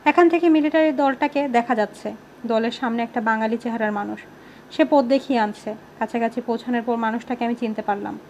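A woman reading a novel aloud in a steady storytelling manner, voicing the characters' lines herself. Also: on the high side, slight background noise. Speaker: audiobook reader. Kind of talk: storybook narration with voiced dialogue.

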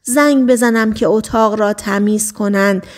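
A woman narrating a novel as an audiobook, in measured storytelling that slows on key phrases. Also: medium pitch, steady tone. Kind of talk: scripted narration.

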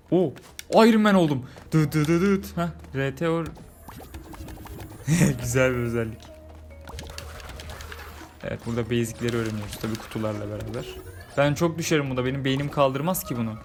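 A man commentating casually over his own gameplay, joking and grumbling as he repeats his complaints. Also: mid-range voice. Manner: frustrated, repeats himself, jokey complaints. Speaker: gaming YouTuber. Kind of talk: casual let's-play commentary.

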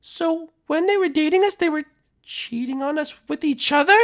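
A man's voice: extremely high pitch, moderate pace, a bit bright. A man voicing a polite, easily flustered young princess in an amateur comedy skit, dainty and hesitant. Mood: upset.

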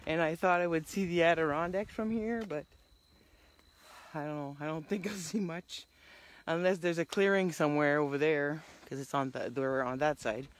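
A middle-aged hiking vlogger chats casually on a nature trail, rambling with lots of fillers into a phone held at arm's length outdoors. Her voice is deep and her pace moderate.

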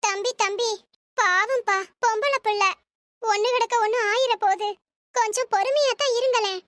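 Woman voicing a high pleading neighbor woman. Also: normal speed, a bit bright. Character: hurt middle-aged neighbor woman, pleading.

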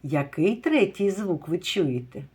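A kindergarten teacher leads a phonics lesson for young children, sounding out words slowly and asking questions. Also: female voice, on the low side, animated, darkish tone, breathy edge. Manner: slow, drawn-out word sounding with praise and questions.

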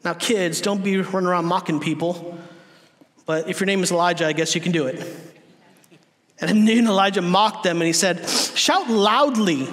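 Male preacher, thirties, very high voice, dramatic swings from loud to hushed, long hall reverb. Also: normal speed. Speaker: guest preacher. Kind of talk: sermon. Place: large dark church stage.

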